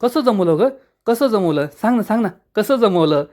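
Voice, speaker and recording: Narrator doing a brash gossipy young woman, loud and nosy, pokes fun at people with no filter, middling pitch, retold serial scene. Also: animated, normal speed, lightly acted. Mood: brash teasing. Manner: teasing, blunt and nosy.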